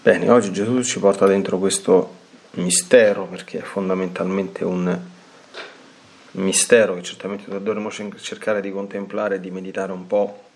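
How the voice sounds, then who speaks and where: A priest giving a devotional reading and sermon commentary, measured and slow with pauses. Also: male voice, low voice, level tone.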